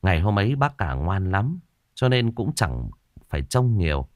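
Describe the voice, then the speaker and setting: A man narrating a ghost story in an expressive storytelling manner. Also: deep voice, moderate pace, no echo, studio quality.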